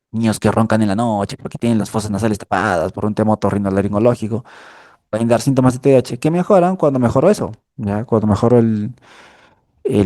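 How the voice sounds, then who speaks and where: Man, clinical lecture, lowish mellow voice, dry sound. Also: no room sound. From Peru. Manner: explanatory, frequent checking tags like "¿ya?". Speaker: lecturer in a mental health course.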